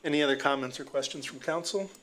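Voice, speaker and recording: A man's voice: a little high, quick pace, a bit bright, a little hiss or hum. A man presiding over a city council meeting as council president, courteous and procedural.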